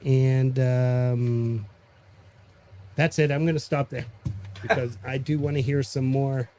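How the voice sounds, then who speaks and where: A man with a French Canadian accent hosting a casual, unscripted live stream, halting and pausing mid-sentence. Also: mid-range voice, fairly even intonation, warm tone, a little hiss or hum. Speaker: host of a music community live stream.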